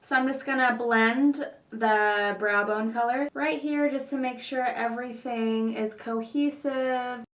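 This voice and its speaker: A woman's voice: fairly high pitch, steady tone, measured pace, few pauses, a bit bright. A woman hosting a casual makeup tutorial, speaking with slightly odd, constrained articulation. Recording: echoey room, distant mic.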